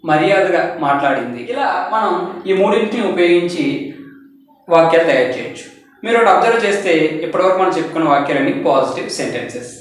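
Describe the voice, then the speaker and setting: Male language teacher with a Telugu accent, somewhat high pitch, slow drilling delivery, distant echoey recording. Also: fairly bright tone. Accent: Indian English, Telugu. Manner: slow, deliberate example sentences repeated for drilling. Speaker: spoken English teacher. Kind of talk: bilingual English lesson with Telugu explanations. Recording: echoey room, far from the mic.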